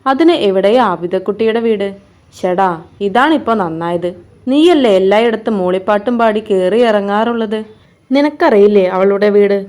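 A woman voicing a kindly moon uncle who speaks with affection and gentle teasing, in a read-aloud storybook. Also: mid-range voice, expressive, moderate pace, natural voice. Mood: affectionate.

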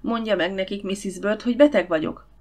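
A woman's voice: mid-range voice, a little mellow, lightly acted. A woman voicing a reserved, flustered young lady in an audiobook, speaking hesitantly. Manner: hesitant and reluctant.

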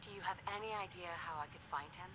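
An actress playing a calm, helpful female hero in a video game, reassuring and composed. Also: lowish voice, fast, background noise, natural voice. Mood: polite, concerned.

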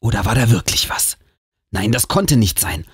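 A man reading a horror story aloud in an expressive, dramatic way. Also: on the low side, normal speed, slightly rough, dry recording, studio quality. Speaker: audiobook reader.

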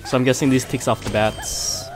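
A young man, congested and sick, talks half under his breath as he plays. His voice sits at an ordinary pitch, loose and slangy, with faint game music behind him. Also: fairly even intonation, moderate pace. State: sick with a stuffy nose. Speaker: gameplay streamer. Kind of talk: casual game commentary.

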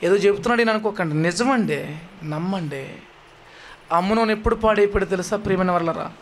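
A man delivers a sermon in a high voice. He pleads with his listeners and keeps asking them rhetorical questions, his voice rising and then falling away. A faint hiss sits under the recording. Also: rapid-fire. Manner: pleading, rhetorical questions with sudden rises and drops. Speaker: preacher.

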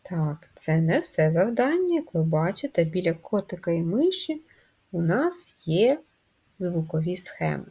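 A woman teaching a first-grade literacy lesson, speaking in a slow, drawn-out, sing-song teacher manner. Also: fairly low pitch, sing-song, mellow, husky. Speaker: primary school teacher.

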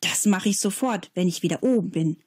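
A woman's voice: lowish voice, a little fast, darkish tone, breathy edge. A woman voicing an earnest young schoolboy who pleads and believes in storybook scenes. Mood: worried.

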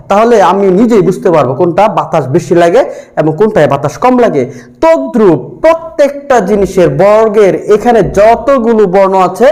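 High-voiced man teaching a methodical lesson. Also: darkish tone. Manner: methodical, repeats letters one by one while explaining. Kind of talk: spoken grammar lesson.

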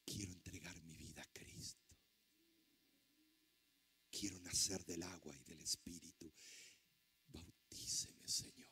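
A man voicing a tearful rich husband who pleads in a hushed, low voice. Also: fairly even intonation, slow pace, slight background noise, close to an everyday voice. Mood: whispered plea.

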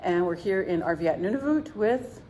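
A woman's voice: mid-range voice, expressive, moderate pace, mellow. A middle-aged woman hosting a vlog, asking questions in casual interview chat. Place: indoor council chamber. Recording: faint background noise.

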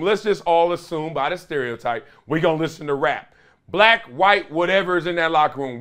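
A man's voice: on the high side, fairly bright tone. A middle-aged man hosting sports commentary, telling stories and acting out quotes with big gestures in a small studio. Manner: storytelling, acts out quotes, gestures broadly.

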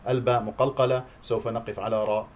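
Male recitation teacher; slow drawn-out demonstrations, patient corrective explanations. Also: medium pitch, flat delivery. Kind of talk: tajweed pronunciation lesson.

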